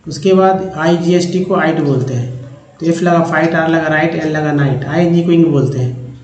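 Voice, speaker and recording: A man teaching English reading, going through a slide part by part, slowly repeating each sound and word and calling his viewers friends. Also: a little high, a little mellow, slight background noise. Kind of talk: slide-based phonics lesson. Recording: echoey dull-sounding room recording.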